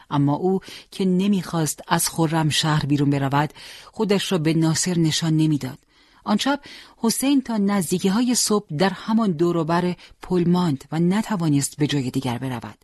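A storyteller narrating a dramatic war story in a steady, solemn way. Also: medium pitch, no room sound, studio quality.

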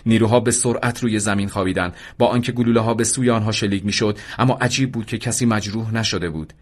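A man reading a war story aloud in measured, solemn scripted narration. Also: lowish voice, steady tone.

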